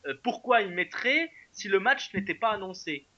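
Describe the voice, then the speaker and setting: A man's voice: high-pitched, expressive, moderate pace, sharp tone, no room sound, highs cut off. A man co-hosting a wrestling show in casual podcast chat, hesitant, with many fillers and restarts.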